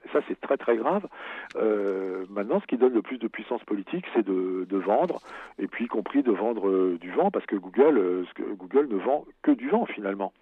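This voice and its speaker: A man's voice: on the low side, expressive, normal speed, no room sound. A man explaining his ideas as an author in a radio interview, hesitating often with fillers and stressing key words. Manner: hesitant, many fillers, emphatic. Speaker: author guest. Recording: husky, phone-like radio sound.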